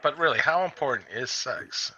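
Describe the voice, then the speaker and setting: Guy with a really sharp forceful voice, blunt casual chat, kinda lo-fi audio. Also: medium pitch, lively intonation, normal speed, husky. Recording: dull, lo-fi microphone sound.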